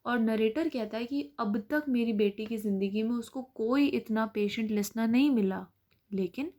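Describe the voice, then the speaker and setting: A woman teacher, reading a story aloud slowly and then explaining it patiently to children. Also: mid-range voice, darkish tone. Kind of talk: explaining an English lesson in Hindi.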